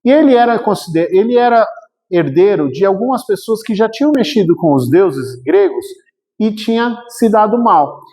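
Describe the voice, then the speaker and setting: A man's voice: high-pitched, expressive, moderate pace, mellow. A man with a Brazilian Portuguese accent, giving a storytelling lecture in a chatty, colloquial way with humorous asides. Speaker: spiritist lecturer. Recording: reverberant hall.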